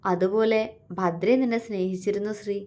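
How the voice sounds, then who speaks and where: A tender young husband in a storybook romance speaks softly and affectionately , as a woman reads his lines. His voice stays gentle and low-key, with a teasing warmth toward his wife. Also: steady tone, normal speed, natural voice. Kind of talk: storytelling dialogue.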